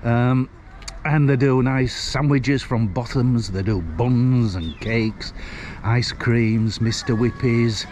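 A man in his sixties with a Northern English accent rambles in a folksy way while vlogging on a seafront street, filming on a handheld camera as he walks. His mid-range voice is slightly mellow and unhurried, with a little hiss or hum in the audio.

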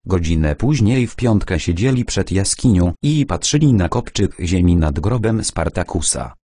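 A man's voice: sits low, lively intonation, moderate pace, mellow, no room sound, studio quality. A man reading an adventure audiobook aloud, narrating the story and voicing its characters lightly.

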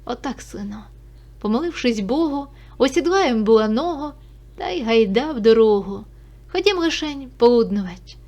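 A stern old Cossack father gives firm, worldly advice, voiced by a woman reader in a fairly high voice. The delivery is steady and instructive. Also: moderate pace.

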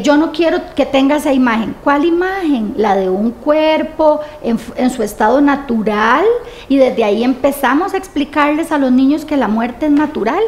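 A woman with a notably high voice, speaking as an expert guest in an interview. She explains things in a calm, measured way and often ends her points with a quick tag question, over a faint background hiss. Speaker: grief specialist guest.

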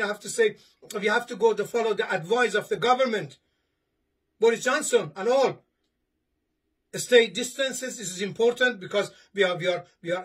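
In a study lined with bookshelves, an imam preaches his Friday sermon in a husky, high voice with a fairly bright tone. He reads from papers and gestures, earnest and repetitive with frequent restarts, while a camera a few steps ahead records him.

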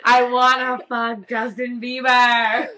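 A woman's voice: a little high, flat delivery, slow pace, bright, forceful tone. A woman joking around with friends, giggling between her lines. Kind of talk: casual joking among friends. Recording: noisy home video.

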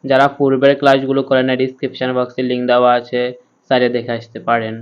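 A man teaching Quran reading, patiently spelling out each letter and sound in a slow step-by-step lesson. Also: mid-range voice, level tone, clear, resonant tone, muffled recording.

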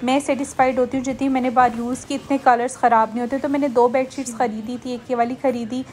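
A woman's voice: high-pitched, flat delivery, fast talker, a little mellow, slight background noise. A woman, chatting to viewers in a casual shopping vlog voice-over. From Pakistan. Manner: chatty, friendly, addresses viewers directly. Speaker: shopping vlogger.

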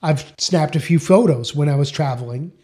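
Man explaining trademark law, slightly high voice. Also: dark tone. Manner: measured, explanatory, reads registration numbers aloud. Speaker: trademark attorney presenting a lesson. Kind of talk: scripted educational talk.

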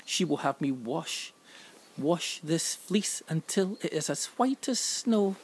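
A woman's voice: low voice, expressive, slow pace, darkish tone, slightly rough, full character voice. A man speaking as a poor kind servant girl. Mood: worried. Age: young.

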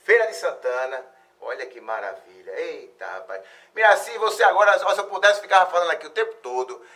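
A man leads an exam-prep live lesson, chatty and quick to exclaim. His voice sits high and sounds sharp and bright. It comes from a little way off the mic in a plain studio. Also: far from the mic. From Salvador, Bahia, Brazil. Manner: chatty, effusive, lively exclamations. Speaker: geography teacher hosting an exam-prep live stream. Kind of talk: live-stream lesson, greeting chat viewers.

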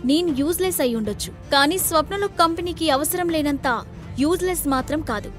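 A woman's voice: high-pitched, expressive, normal speed, faint music behind. A woman voicing a defiant young husband who speaks with sarcastic, controlled anger.

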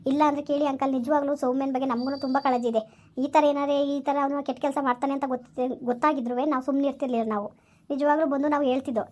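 A woman's voice: high voice, steady tone, fast, a little mellow, lightly acted. Woman playing an earnest pleading young woman. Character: young woman defending a friend to elders. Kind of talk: village skit acting.

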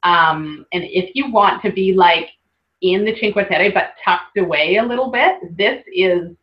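A woman with a fairly low voice hosts an online workshop, chatting casually through her slides and laughing a lot. The sound is lo-fi, typical of a casual webinar.

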